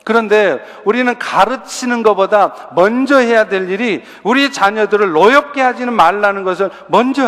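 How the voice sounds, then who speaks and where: A pastor preaching a sermon in a conversational way, with rhetorical questions to the congregation and touches of light humor. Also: male voice, high voice, a bit bright, long reverb tail.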